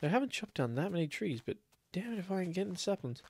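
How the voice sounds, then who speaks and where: In casual gameplay commentary, an Australian man with a mild cold rambles through a building game as a let's play host. His voice is high-pitched and sing-song, and his pace is quick.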